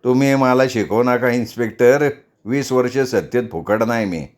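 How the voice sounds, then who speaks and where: A man's voice: mid-range voice, moderate pace, close to an everyday voice. A man doing a blustering, arrogant village politician. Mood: angry. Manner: blustering, threatening. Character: arrogant, hot-tempered male village politician.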